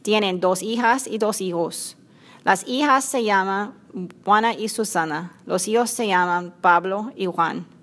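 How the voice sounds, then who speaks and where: A woman narrating a simple storybook in a clear, measured reading voice. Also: medium pitch, a bit bright.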